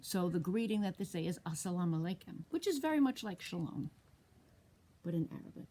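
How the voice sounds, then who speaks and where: At a storytime read-aloud, a woman librarian with a mid-range voice moves briskly through a picture book, animatedly quizzing the young children as she goes.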